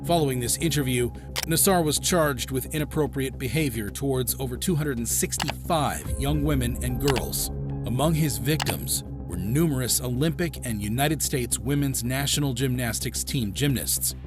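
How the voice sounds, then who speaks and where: A man's voice: mid-range voice, moderate pace. Male narrator, scripted true-crime voice-over, teasing tone, music bed.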